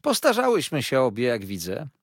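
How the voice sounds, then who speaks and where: A man's voice: medium pitch, huge pitch swings, moderate pace, slightly rough, no echo, pitched above the performer's own voice. A man reading an audiobook voices a stern, brusque older aunt who speaks in a dry, commanding way.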